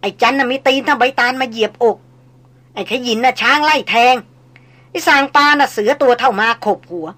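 A woman's voice: on the high side, normal speed, sharp tone. A woman voicing a frightened male hunter who complains nervously. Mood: fretful.

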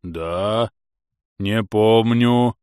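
A man's voice: on the low side, drawn-out words, darkish tone, clear, resonant tone, dry recording, studio quality. A man voicing a simple-minded male house spirit servant who drawls and pleads. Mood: drawling.

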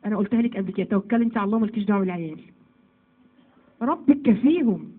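A woman with an Egyptian Arabic accent teaching a Quran commentary lesson to women, lively and asking then answering her own questions. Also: mid-range voice, racing, husky, narrow, tinny audio. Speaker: religious teacher.

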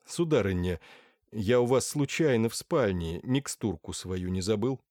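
A man's voice: on the low side, lively intonation, a little slow, a little mellow, no room sound. A man voicing a polite, reserved male doctor in an audiobook, courteous and dry. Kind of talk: audiobook character voice.

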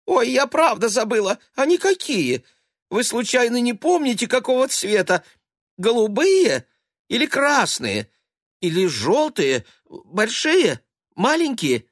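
A man voicing a fussy, forgetful female cat in a storybook, asking question after question in a squeaky voice. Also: sing-song, measured pace, no echo, clean studio sound, heavily acted. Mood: flustered.

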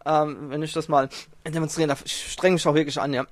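A man hosts a casual podcast from a small home studio, joking around and poking fun at himself. His fairly high voice is brisk and steady with no room sound, though his distance from the home mic shifts now and then.

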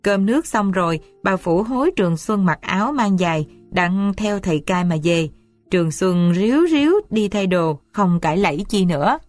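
A woman narrating an old story in a calm, measured reading. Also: mid-range voice. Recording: dry close recording with soft music.

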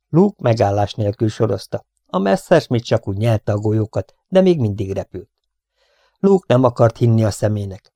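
Gravelly-voiced man reading a war novel. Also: no echo. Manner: raises pitch and volume sharply for shouted lines. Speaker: audiobook reader. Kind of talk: dramatic novel narration.

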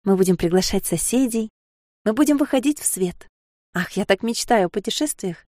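A woman's voice: medium pitch, animated, normal speed, dark tone, no echo, clean studio sound, pitched above the performer's own voice, natural voice. A woman voicing a naive sixteen-year-old maid, dreamy and tearful, who chatters in a breathless, pleading way.

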